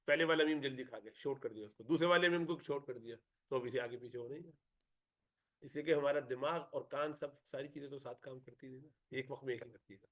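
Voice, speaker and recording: A man teaching a Quran recitation class, explaining rules briskly and chanting verses slowly for the class to follow. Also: medium pitch, a bit bright. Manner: switches between brisk explanation and slow melodic chanted recitation. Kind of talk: tajweed class, modelling recitation.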